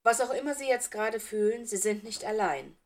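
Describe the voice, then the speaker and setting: A woman's voice: on the high side, a little fast, close to an everyday voice. Cold proud male teacher, curt and strained, read by a woman. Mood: strained calm. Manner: clipped, growling, then forced calm. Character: cold, proud grown man teacher, cornered and tense.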